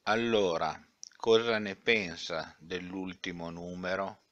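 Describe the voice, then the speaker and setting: Give me a sly middle-aged editor who beams as he drops brief, teasing questions, as a man reads him in an audiobook. The voice is low and unhurried, on slightly dull lo-fi audio. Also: fairly even intonation, fairly bright tone. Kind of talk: audiobook character reading.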